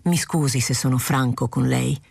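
A woman reading as a calm, frank male doctor. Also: a bass voice, normal speed, gravelly, slightly rough, no room sound, clean studio sound, exaggerated voice. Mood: earnest. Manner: calm, probing, gently lecturing.

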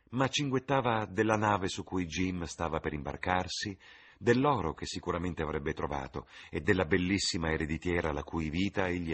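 Low husky guy reading a classic novel aloud, measured. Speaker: reader. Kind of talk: audiobook narration.

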